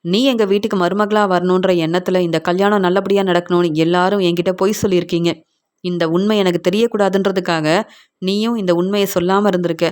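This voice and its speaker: A woman narrating a recap of a TV serial episode, retelling every character's dialogue in one steady voice, linked by repeated narration phrases. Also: lowish voice, fairly quick. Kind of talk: retelling a TV serial episode, voicing all parts.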